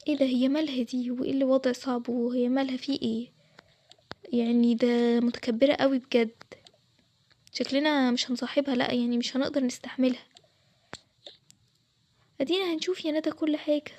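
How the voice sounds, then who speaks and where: A woman's voice: sits high, fairly even intonation, a little mellow. A woman with an Egyptian Arabic accent narrating and voicing schoolgirl friends in a role-play drama voice-over. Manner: chatty and quick, switching between several girls' voices.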